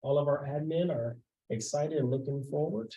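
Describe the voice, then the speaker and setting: Halting man giving a board report. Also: on the high side, gravelly, dark tone, highs cut off. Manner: halting, with frequent filler sounds. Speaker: school administrator giving a report. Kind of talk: formal board meeting report.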